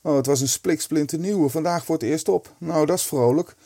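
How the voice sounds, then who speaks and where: A plucky, excitable boy, as a man puts him on for a storybook. The voice sits well above his own speaking pitch and pushes loud. The sound is dry and close. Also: brisk, creaky, no echo. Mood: dismayed.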